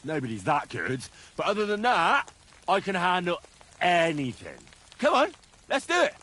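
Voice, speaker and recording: A man's voice: sits high, wildly swooping pitch, moderate pace, bright, forceful tone, husky, exaggerated voice. An actor playing a boastful, cocky young man in a video game, bragging and swearing as he drinks.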